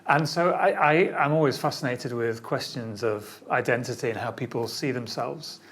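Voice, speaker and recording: A man's voice: medium pitch, normal speed, fairly bright tone. A man hosting an interview podcast, asking thoughtful, curious questions. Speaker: podcast host.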